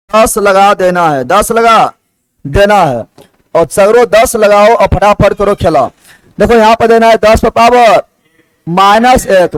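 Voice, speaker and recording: A man lectures a class in a voice that sits high, repeatedly asking the same question to drill his students and then supplying the answer himself. The audio is dry and poor.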